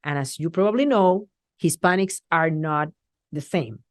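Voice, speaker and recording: In a casual interview, a guest who works as a TV journalist, a middle-aged woman from Puerto Rico, speaks English, not her first language, which is Spanish. Her voice is low and dry, her delivery lively and broken by restarts, and the recording has no echo.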